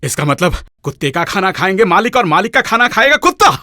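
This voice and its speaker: An actor playing a proud, angry younger brother who scolds the servants, in a Hindi film drama. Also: male voice, high-pitched, very animated, fast, sharp tone, no echo, studio quality, exaggerated voice.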